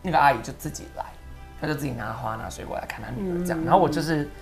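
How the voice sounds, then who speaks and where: A woman guest telling stories in an interview, animated and emotional, sometimes tearful. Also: low-pitched, racing, soft background music. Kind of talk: storytelling interview.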